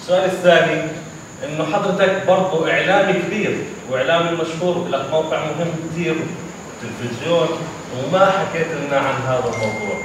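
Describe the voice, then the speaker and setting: A man's voice: fairly high pitch, fast talker. A man asking a question at a public event, respectful, mixing formal speech with dialect. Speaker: audience questioner. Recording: echoey hall from far off, noisy.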